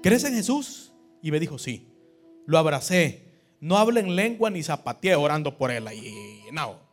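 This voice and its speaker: A preacher with a high voice, who tells his stories by acting out the dialogue and then rises to loud, urgent calls to the congregation. Soft music plays faintly behind him. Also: expressive, normal speed. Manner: storytelling, acts out dialogue, rises to loud exhortation. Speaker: pastor. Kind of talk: sermon.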